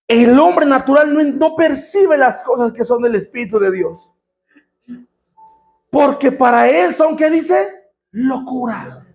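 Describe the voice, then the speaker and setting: Man, pastor, middle-aged, very high voice, loud sermon with call-and-response. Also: creaky. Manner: preaching with call-and-response and shouted emphasis.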